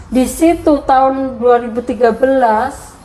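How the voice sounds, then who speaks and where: A woman's voice: sits high, unhurried, warm tone, slight background noise, low-quality recording. A middle-aged woman from Central Java telling her conversion story in an interview, turning tearful and pleading when she recalls her prayers. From Central Java, Indonesia. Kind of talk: emotional personal testimony.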